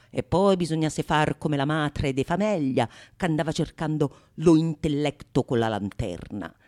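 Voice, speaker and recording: Here the woman's voice is low and a bit mellow as she plays the same kind of character: a sly, wordplay-loving male painter with a teasing wit, in a theatrical radio monologue. Her delivery comes across as mock-impressed, sly and theatrical.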